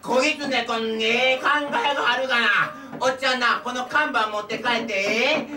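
A woman's voice: a little high, moderate pace, background noise, voice pushed up, lightly acted. A woman voicing a sly, easygoing middle-aged man who drawls and chuckles in a Kansai accent, in a live puppet story with music. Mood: coaxing. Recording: roomy live hall, mic far off, instrument music.

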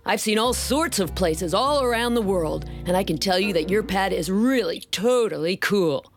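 A woman's voice: medium pitch, expressive, normal speed, lightly acted. A woman doing a breezy show-off teen cousin. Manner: breezy slang, keeps saying totally cool. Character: laid-back teen male cousin, show-off. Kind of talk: cartoon voice acting. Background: music.

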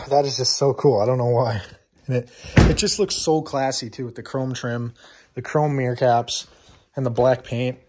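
A man's voice: medium pitch, steady tone, moderate pace, darkish tone, slight background noise. A young man telling a casual story-time vlog outdoors in the cold, out of breath, rambling with lots of fillers. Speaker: car vlogger.

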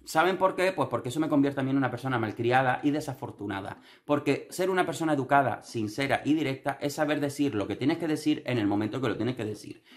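Young Canarian man, sarcastic reality-TV gossip commentator, average pitch, theatrical delivery. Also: animated, fast talker, few pauses. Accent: Canarian Spanish. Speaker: TV commentary vlogger.

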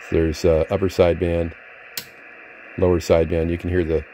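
Sitting at a desk surrounded by radio equipment in an indoor room, a middle-aged or older collector casually shows off a receiver without a script. His low, warm voice is flat and fairly quick, his manner hesitant, rambling and self-deprecating, over slight background noise.

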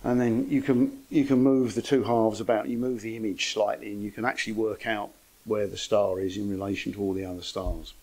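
Pria Inggris lebih tua, kuliah santai dan jenaka. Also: male voice, on the low side, steady tone, a little fast, a little mellow, low-quality recording. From England. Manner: dry, wry humour, chatty asides. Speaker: astronomy club speaker. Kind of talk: informal lecture.

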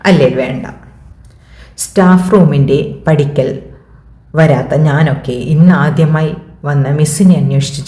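A woman reading a story aloud as its narrator, in a steady, reflective way. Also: low voice, reverberant.

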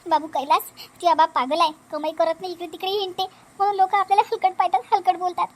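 A woman's voice: very high voice, flat delivery, fast. A woman voicing a proud middle-aged sister-in-law who scolds shrilly. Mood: tearful.

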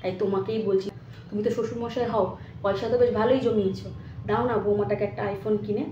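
A woman's voice: medium pitch, fairly even intonation, dark tone, lo-fi sound, natural voice. A woman playing a doting, fussy mother-in-law. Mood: confiding. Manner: fussy, coaxing, talks fast. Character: doting kind mother-in-law, middle-aged, fussing over her son's wife. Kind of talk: comedy sketch acting. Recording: echoey room with faint noise.

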